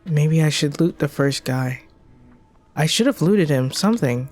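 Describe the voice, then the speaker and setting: Woman streamer, anxious, unhurried speech, repeats herself, live game commentary. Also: deep voice, lively intonation, darkish tone, soft background music.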